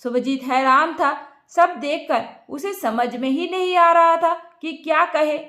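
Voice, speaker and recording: A woman storyteller narrating a dramatic family story in a steady, dramatic manner. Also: high voice, measured pace, echoey room.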